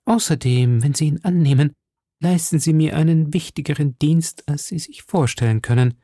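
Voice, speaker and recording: A man reading aloud and voicing a seductive, scheming noblewoman who speaks softly and with a tremor. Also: fairly high pitch, moderate pace, slightly rough, no echo, clean studio sound, voice pushed up. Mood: tender. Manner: soft, intimate, tremulous.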